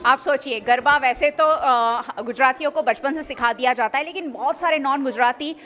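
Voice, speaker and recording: A woman's voice: sits high, normal speed, fairly bright tone, slight background noise. A woman reporting a local news feature, chatting enthusiastically and asking questions.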